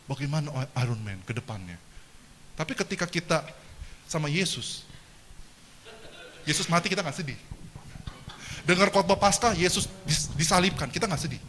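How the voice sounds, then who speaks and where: A man giving a lively seminar lecture, asking the audience questions and joking with them. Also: on the high side, moderate pace, pauses often, slight background noise. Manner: animated, engages the audience with questions and jokes. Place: lecture hall.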